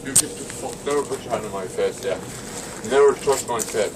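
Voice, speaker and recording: A man's voice: medium pitch, brisk. A drunk, unruly male train passenger in a belligerent, rambling, sweary public rant, recorded inside a train carriage. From Ireland. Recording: noisy train carriage, distant phone mic.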